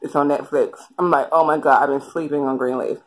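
A woman's voice: low voice, fairly even intonation, fairly quick, rough recording. A woman chatting casually in an eating vlog, talking between bites with her mouth partly full. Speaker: vlogger.

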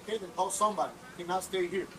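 A man's voice: sits high, racing, low-quality recording. A male police officer giving blunt, curt orders on a body camera. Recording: body cam audio with steady hiss.

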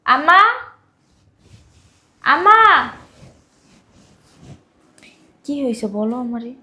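A woman's voice: sits high, fast talker, lightly acted. A young woman playing a whiny, demanding, status-hungry wife in a web drama. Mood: curious. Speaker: actor. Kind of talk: low-budget web drama acting.

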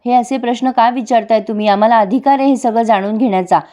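A woman's voice: a little high, fairly even intonation, fast, warm tone, close to an everyday voice. A woman voicing a young male lawyer who is earnest and flustered, in a serial recap. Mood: indignant. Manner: hesitant, then indignant.

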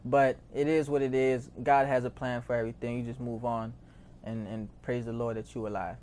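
A nineteen-year-old man, born in Haiti and raised in Maryland from age seven, speaks with an American accent as an interview guest who founded a record label. His mid-range voice is brisk and a little mellow, with little pitch movement, and he talks casually in slang, often repeating phrases. Slight background noise is audible.

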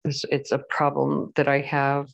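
A woman's voice: very deep voice, completely flat delivery, measured pace, vocal fry, dull audio. A woman giving a casual pick-a-card tarot reading at home, chatty and rambling, with frequent apologetic asides. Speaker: tarot reader. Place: at home with a pet bird.

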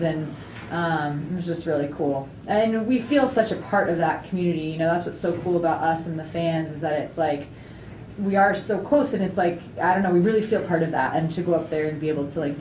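A young woman with a low voice speaks at a post-game press conference. She sounds chatty and upbeat, with a lot of fillers. She is recorded from a distance in an echoey room. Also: a little mellow. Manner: chatty, upbeat, laughs often, many fillers. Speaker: retiring soccer player. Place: indoor press room before a sponsor backdrop. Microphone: table mic on a stand, camera at a distance. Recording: echoey room, distant mic, faint noise.

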